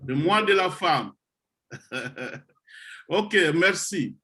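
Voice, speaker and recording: A middle-aged project founder from the Democratic Republic of the Congo gives a motivational talk to trainees of his online computer course over a video call. His slightly high, husky voice swings widely in pitch with a sharp tone, and he speaks in an unhurried, measured way, slow and deliberate with pauses and hesitations.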